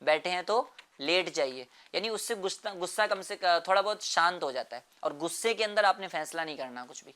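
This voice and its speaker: A man's voice: high-pitched, expressive, hardly any pauses, bright, forceful tone. A man explaining a moral lesson to children in an earnest way, repeating phrases and often checking with "right?".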